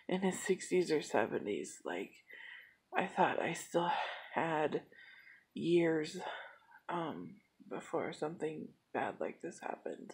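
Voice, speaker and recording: A young woman in her late twenties opens up in a personal vlog update, her voice low and deeply husky. She talks slowly and haltingly, with many fillers, holding back emotion. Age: 20s. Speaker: vlogger.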